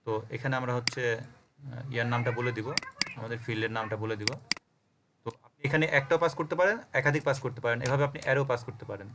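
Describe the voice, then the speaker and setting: A man's voice: mid-range voice, quick pace, background noise. Bangladeshi man teaching code step by step. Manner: explains step by step, spells words letter by letter, checks understanding often. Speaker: programming teacher. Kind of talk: live coding lesson on a call.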